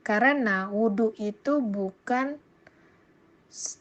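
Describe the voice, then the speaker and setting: A woman giving an informal Islamic parenting talk and answering viewer questions. She hesitates often, with many fillers and self-corrections, and grows animated when voicing examples. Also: a little high, takes it slowly.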